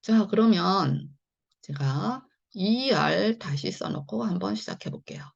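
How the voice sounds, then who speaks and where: A woman's voice: mid-range voice, lively intonation, unhurried, creaky, breathy edge, dull audio. A woman teaching English phonics in a chatty, step-by-step online lesson. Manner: chatty, repeats "자" and "네" often, explains step by step.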